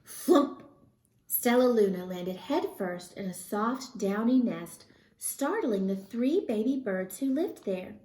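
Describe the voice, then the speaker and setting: A woman with a mid-range voice reads a storybook aloud to young children, unhurried and expressive. The recording is roomy, with noticeable echo.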